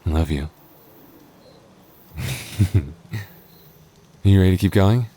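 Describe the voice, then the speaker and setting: Playing a young boyfriend in an intimate audio roleplay, this man keeps his voice soft and low, drawing out his words. Nervous and halting yet clearly affectionate toward his partner, he moves from tender to pensive, with a faint hiss or hum on the recording.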